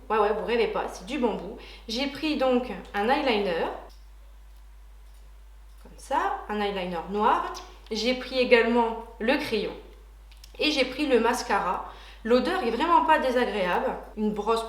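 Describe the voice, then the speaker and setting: Chatty high-voiced woman in a roomy space. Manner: chatty, enthusiastic, many hesitation fillers. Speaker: beauty vlogger. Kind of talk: casual product unboxing chat.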